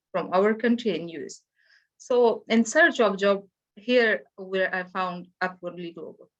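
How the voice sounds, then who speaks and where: On a virtual panel, a woman from Afghanistan with an Afghan accent recounts her personal experience in halting, simply phrased English. Her mid-range voice comes through a video call, so the audio sounds dull and lo-fi.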